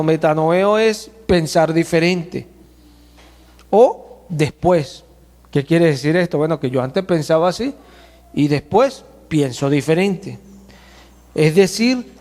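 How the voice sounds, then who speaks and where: A man preaching a sermon as pastor, emphatic and slowing to stress key words, in a church. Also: a little high, a little mellow. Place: church hall. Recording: long church hall reverb.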